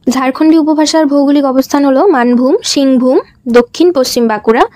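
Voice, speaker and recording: A woman's voice: high voice, a little fast, no echo. A young woman student teacher from West Bengal, India, presenting a lesson and asking herself questions she then answers. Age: young adult. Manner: explains in a steady question-and-answer pattern.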